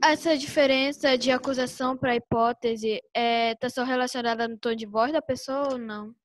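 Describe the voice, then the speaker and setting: A woman's voice: high-pitched, fairly even intonation, a little hiss or hum. Hesitant Brazilian girl student on a video call. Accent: Brazilian Portuguese. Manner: hesitant, reads haltingly. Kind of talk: asking and reading aloud in class.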